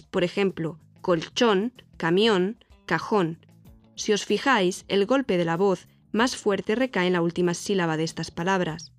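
A woman teaches a scripted grammar lesson in a careful, deliberate manner, pausing to list example words. Her voice sits at an ordinary pitch. The recording is dry and close, with soft music in the background. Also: no room sound. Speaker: Spanish teacher.

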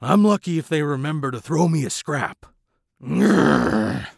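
A loud, barking mutt of a dog, put on by a male storyteller, his voice gravelly and full of rough edges. The pitch swings up and down as he growls out his lines, close and dry with no room sound. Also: very animated, unhurried, dry recording, full character voice. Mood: bitter. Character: gruff scruffy male mutt dog, bitter.

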